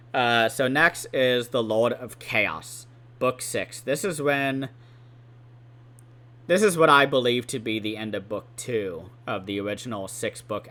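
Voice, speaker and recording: Guy rambling about his fave fantasy books, bright punchy voice, lots of uhs and swearing. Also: lowish voice. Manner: rambling, enthusiastic, casual swearing, frequent fillers. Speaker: book channel host. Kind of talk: casual book ranking talk.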